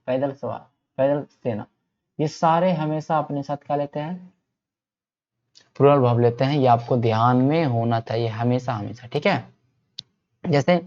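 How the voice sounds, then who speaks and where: A man's voice: medium pitch, darkish tone, lo-fi sound. A man teaching English grammar for exam prep, putting questions to the class, answering them himself, and repeating each key point. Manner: repeats points and reads example sentences slowly.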